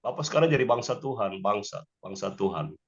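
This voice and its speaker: A man's voice: on the low side, lively intonation, brisk. A man politely probing the guest with follow-up questions. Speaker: participant asking questions. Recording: dull lo-fi call audio.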